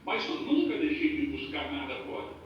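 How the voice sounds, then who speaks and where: A high-pitched man from São recounts his life with animated, rising and falling speech. His voice rings through an echoey room from far off the microphone, and the sound is muffled. A faint room hum sits behind him. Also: normal speed. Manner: animated storytelling with repeated words and restarts. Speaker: participant in a group discussion. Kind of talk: casual personal account.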